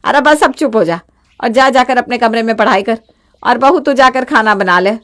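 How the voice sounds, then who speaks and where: A bossy middle-aged mother-in-law scolds and commands in a loud, fairly high voice, as a woman voices her. She belongs to an animated family storybook, always ordering everyone around. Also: moderate pace, close to an everyday voice. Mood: scolding.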